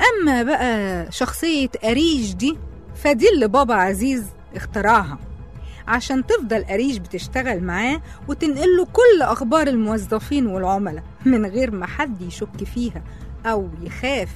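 A woman with an Egyptian accent playing a cunning young woman who calmly taunts her rival. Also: medium pitch, lightly acted. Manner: calm, taunting, in control. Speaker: office colleague. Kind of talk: radio drama acting.

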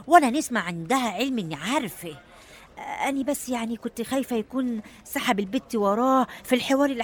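High-voiced, pleading village woman. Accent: rural Egyptian. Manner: pleading, lamenting. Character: anxious, deferential village woman reporting to police. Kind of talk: radio drama acting.

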